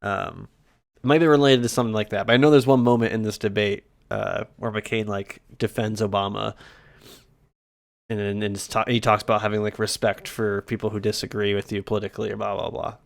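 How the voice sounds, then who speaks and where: A man's voice: lowish voice, level tone, brisk, vocal fry. A man hosting a stream, chatting casually with plenty of fillers and false starts as he reacts to old debates. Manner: rambling, lots of fillers and restarts. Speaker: streamer host.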